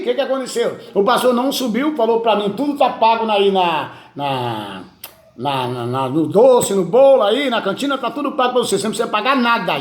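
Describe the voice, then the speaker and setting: A man, a pastor telling a testimony and acting out the dialogue. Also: very high voice. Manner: storytelling, acts out dialogue. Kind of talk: testimony preaching. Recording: echoey room.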